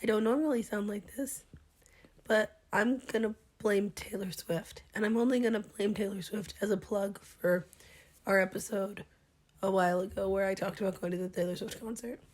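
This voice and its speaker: Podcast co-host, young woman, sick and hoarse, dark husky tone, easygoing chat. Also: medium pitch, steady tone, moderate pace. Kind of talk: casual chat.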